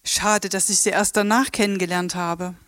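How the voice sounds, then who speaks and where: A woman's voice: medium pitch, fairly even intonation, normal speed, fairly bright tone, no room sound, close to an everyday voice. An actress playing a polite, formal Japanese woman tour guide in a radio play.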